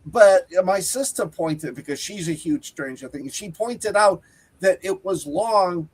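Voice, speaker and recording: A podcast co-host and teacher with a Boston accent chats casually about movies, rambling and correcting themselves mid-sentence. Their mid-range voice is expressive and runs a little slow.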